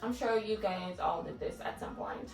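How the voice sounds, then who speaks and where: In a mid-range voice at a moderate pace, a Jamaican cooking vlogger talks casually, leaning on "like" and "guys." She's recorded from a distance in an echoey room, with music playing beneath her.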